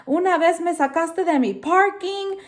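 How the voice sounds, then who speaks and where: A shrieking, foul-mouthed neighbor woman, as a woman storyteller puts her on. She spits insults in a high, strained voice. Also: normal speed. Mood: furious. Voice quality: shrill and cursing. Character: furious shrieking middle-aged woman neighbor.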